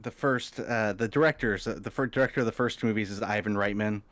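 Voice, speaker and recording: A man co-hosting a movie podcast, chatting casually and rambling like an eager fan, his voice jumping up when excited. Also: fast, no room sound. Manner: chatty, rambling fan with sudden pitch jumps. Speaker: podcast co-host.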